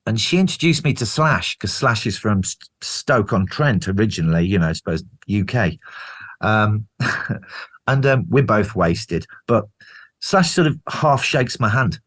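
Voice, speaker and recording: A man's voice: on the low side, measured pace. A middle-aged British man, a band singer as guest, telling road stories in a casual interview, swearing freely and acting out what people said. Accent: British English. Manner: animated storyteller, swears freely, acts out quotes.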